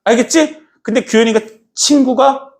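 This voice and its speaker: A man teaching a math class, lively and chatty, acting out little scenes and often asking if students follow. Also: very high voice, normal speed. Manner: lively, acts out little scenes and keeps checking understanding. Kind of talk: classroom lecture.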